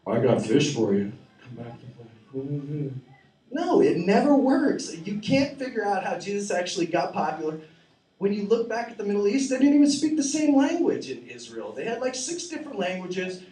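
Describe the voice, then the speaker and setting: A man in his forties rambles through a profane, self-mocking open-mic stand-up set in a small cafe. His voice sits high for a man, and it comes through in an echoey room with the mic set well away from him. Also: sing-song, normal speed, warm tone, far from the mic. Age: 40s. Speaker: stand-up comedian.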